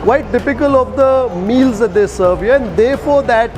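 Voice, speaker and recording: A man with a South Indian Kannada accent presenting a food vlog as host, with deliberate, emphatic phrasing. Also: extremely high pitch, over music.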